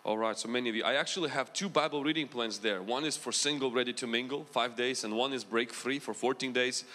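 Long church hall reverb surrounds a fast-talking man with a sharp, mid-range voice and a Ukrainian-American accent. He delivers a Pentecostal sermon to a large congregation with rising intensity, drawing answers back through call-and-response.

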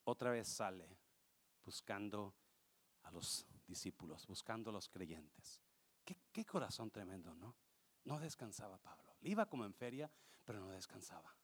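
A male pastor, preaching a passionate sermon that swings from quiet explanation to shouting, with English words mixed in. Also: lowish voice, expressive, moderate pace, husky.

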